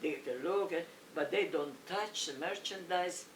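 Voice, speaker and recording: An older woman from Italy with an Italian accent, telling family stories in casual chat, animated and halting, laughing often. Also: on the low side. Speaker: family storyteller. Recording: roomy, distant, faint noise.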